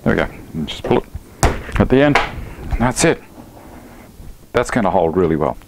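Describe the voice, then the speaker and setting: A man's voice: low voice, moderate pace, noisy background. A man in his fifties with an Australian accent, chatting casually as he demonstrates a woodworking job in his home workshop on a lapel mic. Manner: chatty, relaxed, with laughs and Aussie slang. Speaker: woodworking channel host.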